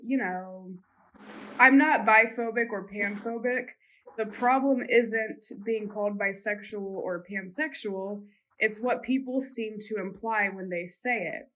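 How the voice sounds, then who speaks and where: Brief: woman host, casual chat podcast, plain mid-pitched voice, reads posts evenly. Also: a bit bright, slight background noise, poor audio. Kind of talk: casual group chat, reading posts aloud.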